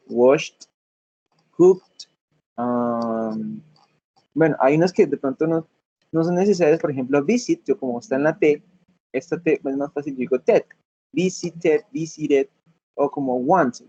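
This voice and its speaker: Husky, mellow-voiced male teacher. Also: mid-range voice, muffled recording. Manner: patient step-by-step explaining, frequent check-ins. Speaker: English teacher. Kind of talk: classroom lesson.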